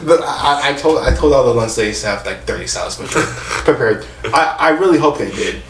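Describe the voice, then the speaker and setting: A man's voice: mid-range voice, expressive, a little fast, a bit bright, far from the mic. A young man co-hosting a podcast, laid-back and profane, often laughing. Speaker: podcast co-host. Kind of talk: casual chat. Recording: roomy, off-mic with faint noise.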